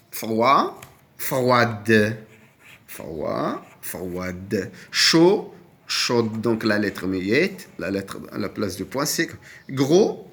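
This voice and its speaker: Slow, deliberate male French teacher. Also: medium pitch, a bit bright. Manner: slow, deliberate, repeats words and spells out letters; frequent hesitations and restarts. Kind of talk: classroom lesson on silent letters.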